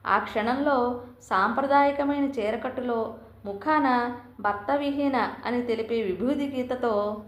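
A woman reads a novel aloud in a steady, even storytelling manner. Her voice sits somewhat high. A roomy echo hangs around every line. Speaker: audiobook narrator. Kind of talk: scripted novel narration.

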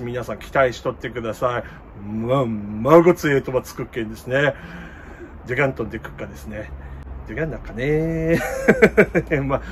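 A man's voice: mid-range voice, slight background noise. A middle-aged man with a Kumamoto dialect, chatting casually in a plant vlog and laughing at himself. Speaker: plant shop owner.

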